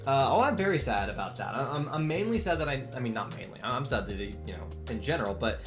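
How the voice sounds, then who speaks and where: His mid-range voice has lively intonation and a quick pace as he chats on a live art stream, drawing as he goes. The man, in his twenties, rambles with many fillers and restarts, laughs often, and faint music plays in the background.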